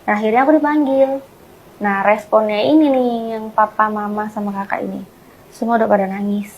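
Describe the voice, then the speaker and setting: A woman being interviewed, earnestly retelling a personal story in casual chat, often trailing off softly at the ends of phrases. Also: medium pitch, fairly even intonation, a little fast, a little hiss or hum, rough recording. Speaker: guest sharing her conversion story.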